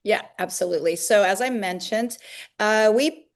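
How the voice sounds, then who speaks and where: A woman's voice: medium pitch, moderate pace. A woman, a longtime fitness business owner, explaining her company at length in an interview, with many fillers. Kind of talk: interview answers.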